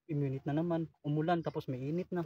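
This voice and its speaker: A man chatting casually outdoors on a mountain, measured and repeating himself as he thinks. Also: fairly high pitch, fairly even intonation. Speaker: vlogger on a jungle outing. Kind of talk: casual chat among friends. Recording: distant, dull lo-fi outdoor mic.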